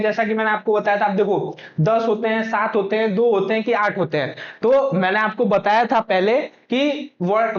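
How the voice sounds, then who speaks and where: A man teaching for exam prep, who keeps asking his own questions and then answering them. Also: high-pitched. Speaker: Hindi teacher. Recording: echoey room, dull lo-fi sound.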